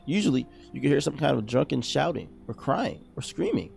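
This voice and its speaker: A man's voice: mid-range voice, big pitch swings, a little fast, creaky, darkish tone, a little hiss or hum. Man doing a creepily polite wandering surgeon.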